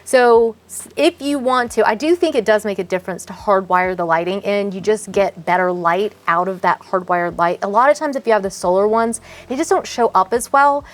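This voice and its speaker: A woman in her thirties with a medium-pitched voice briskly hosts a home makeover video outdoors in a backyard garden. She chats on camera and offers tips casually, enthusiastically, and with plenty of laughter.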